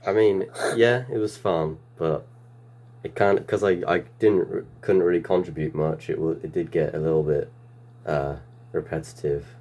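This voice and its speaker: A man's voice: deep voice, fairly even intonation, normal speed, a little mellow. A young man co-hosting a casual podcast, telling stories in a laid-back way. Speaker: podcast co-host. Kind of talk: casual chat.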